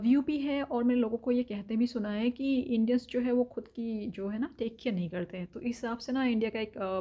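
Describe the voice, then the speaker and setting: A woman from India, a vlogger, talks frankly in a casual vlog from her home in Denmark, sharing lots of opinions and filler sounds. Her voice is slightly high and mellow, and the recording is muffled.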